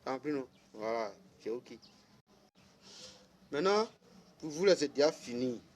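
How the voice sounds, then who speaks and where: A man's voice: mid-range voice, expressive, measured pace. A man, ranting casually and scolding someone directly, repeating himself for emphasis. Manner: scolding, repetitive, addresses listener directly. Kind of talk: casual spoken rant.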